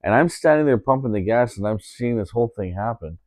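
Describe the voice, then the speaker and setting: A man's voice: medium pitch, animated, fairly quick, darkish tone, no room sound. A man telling a story in a casual podcast chat, indignant, repeating himself with lots of fillers.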